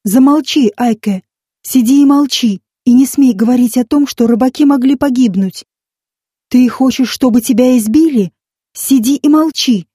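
Woman doing a young aunt, teasing then scolding, mellow husky voice, storybook. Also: fairly high pitch, moderate pace, no room sound, studio quality. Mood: angry. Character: young carefree aunt, turning stern.

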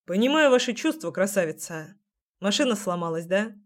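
A woman voicing an eager, somewhat dim young man who is flattering and keen to help. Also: sits high, moderate pace.

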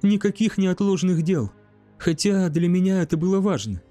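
A man voicing a proud, shaken young noblewoman in an audiobook, speaking softly and a little bitterly. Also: high voice, animated, normal speed, soft background music, voice pushed up. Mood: wistful. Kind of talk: audiobook character voice.

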